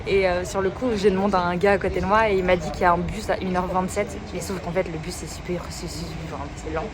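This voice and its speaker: Traffic and crowd noise surround a young French vlogger as she talks quickly to her phone, rambling through stories with casual swearing during a travel vlog in streets and a station. Her voice is on the low side and barely moves in pitch.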